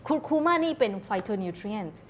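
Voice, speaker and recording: A woman's voice: mid-range voice, big pitch swings, takes it slowly, slight background noise. A woman guest on a TV talk show, explaining health advice politely and patiently, mixing English terms into her speech. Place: TV studio.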